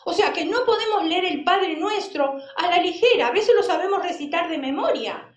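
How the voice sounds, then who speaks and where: A woman preacher giving an expressive sermon and putting questions to the congregation. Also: very high voice, normal speed, reverberant, lo-fi sound.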